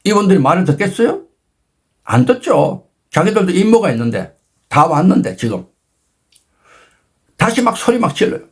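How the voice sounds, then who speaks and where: Guy in his 60s, husky voice, kinda high, tells his story big and dramatic. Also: sing-song, moderate pace, long pauses. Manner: dramatic, emphatic retelling with sudden pitch jumps. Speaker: channel host telling a personal story. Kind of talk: animated storytelling talk.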